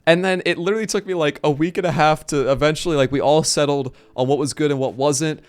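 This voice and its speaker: During a live stream, a man chats casually about organizing a tournament, talking quickly and rambling with excitement. His fairly high-pitched voice is going hoarse.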